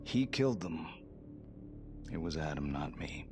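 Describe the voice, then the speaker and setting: A haunted male prisoner on death row, muttering in a low, whispery voice that jumps wildly when he snaps. His tone roams far and wide. Loud music plays under the game cutscene. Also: sing-song, unhurried, exaggerated voice. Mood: confiding. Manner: hushed and whispery, then bursting into shouts. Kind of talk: video game cutscene acting.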